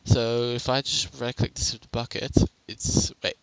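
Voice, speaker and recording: Young male gamer, gravelly, chatty home-recorded tutorial voice. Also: medium pitch, little pitch movement, normal speed, a bit bright, low-quality recording. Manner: rambling, self-correcting, chatty. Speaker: game tutorial narrator. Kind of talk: casual gameplay tutorial. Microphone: headset.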